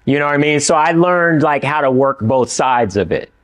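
A middle-aged man from California, an actor and writer talking as a guest in a casual studio interview, animated and full of "you know what I mean". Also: on the high side, normal speed. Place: indoor studio with dark backdrop.

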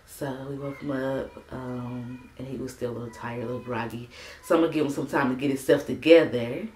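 A young woman vlogging casually to camera as a parenting vlogger, chatty and loose with plenty of "like" and "um", her voice still a little rough from the morning. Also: extremely low pitch, steady tone, fairly quick, a little mellow. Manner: chatty, loose, full of "like" and "um" fillers. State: a bit of morning voice. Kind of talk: casual vlog chat to camera. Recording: echoey room, faint background noise.

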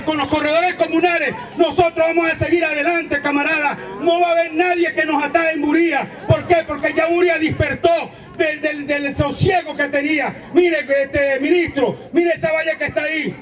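Man shouting passionately from afar. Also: very high voice, steady tone, normal speed. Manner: impassioned, shouting. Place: outdoors at a rural meeting. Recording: distant voice among a crowd.

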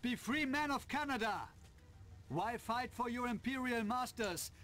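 An actress playing an enemy wartime propaganda broadcaster, declaiming and exhorting soldiers to surrender in a game. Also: female voice, a little high, lively intonation, a little slow, a bit bright, soft background music.

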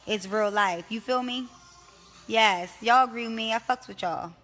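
A woman's voice: on the high side, normal speed, fairly bright tone, faint music behind. Teasing Baltimore woman livestreaming from bed. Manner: teasing, profane, addresses viewers. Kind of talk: casual livestream chat. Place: bedroom, in bed.

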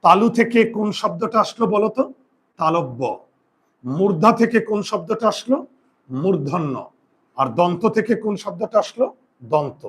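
A man's voice: high voice, expressive, moderate pace, pauses often, fairly bright tone, breathy edge. A man teaching a live class in a classroom, asking his students questions and answering them himself in a repetitive, drilling way. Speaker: Bengali grammar teacher.

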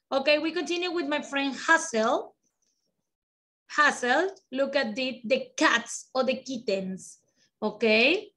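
A woman teaching English to children over a video call, encouraging and slow, switching between English and Spanish. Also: sits high, fairly bright tone. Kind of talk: online children's class.

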